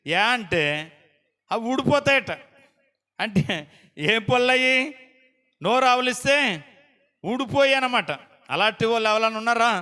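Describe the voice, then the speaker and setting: A man preaches in a high, bright, crisp voice, firing question after question at his congregation and calling out loud praise. His voice carries a long reverb that rolls around a church hall. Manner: call-and-response, quizzing the congregation with repeated questions; exclaims praise loudly. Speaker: pastor. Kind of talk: sermon. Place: prayer house hall.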